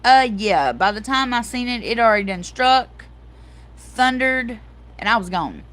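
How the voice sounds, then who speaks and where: Middle-aged female host, casual livestream chat, lively storyteller. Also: fairly high pitch, unhurried. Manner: animated storytelling, addresses viewers as y'all.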